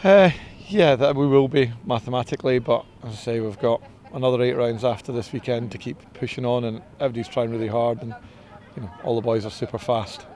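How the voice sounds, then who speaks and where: A middle-aged man, a racing driver, answering interview questions outdoors in a paddock in a relaxed, modest way. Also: mid-range voice, fairly quick. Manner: relaxed and modest, with filler ums. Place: outdoors in a race paddock beside a team truck. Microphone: interviewer's handheld mic.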